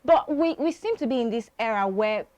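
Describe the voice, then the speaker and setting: A woman's voice: on the high side, lively intonation, moderate pace, darkish tone, dry recording, dull audio. A woman from Nigeria hosting an entertainment interview, chatty and effusive as she praises and questions her guest. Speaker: show host interviewer.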